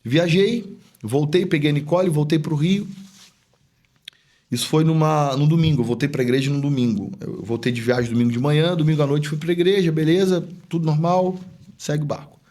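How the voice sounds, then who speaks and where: On a podcast, a man who is both a pastor and a business owner chats earnestly through a personal anecdote, acting out what people said. His voice is fairly high and darkish in tone, with fairly even intonation and a fairly quick pace.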